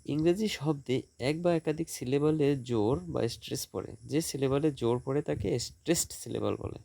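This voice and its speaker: A male teacher giving a school lesson, sounding out example words slowly, with a Bangladeshi Bengali accent. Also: mid-range voice, vocal fry, dark tone. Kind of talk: classroom lesson for school students.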